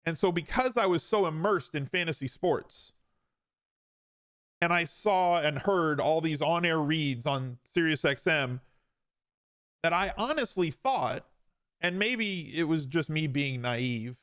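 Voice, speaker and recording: Unhurried and a little high, the podcast host's slightly bright voice carries his personal story in a casual, conversational manner. The man, in his forties, repeats things for emphasis and is somewhat self-deprecating. The clean studio sound has no room sound.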